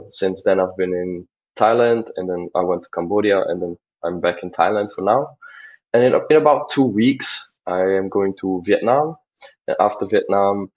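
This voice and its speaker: Husky young Czech man, lo-fi. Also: on the low side, darkish tone. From Czech Republic. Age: 20s. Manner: earnest, rambling with restarts. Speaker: podcast guest. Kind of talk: casual interview talk.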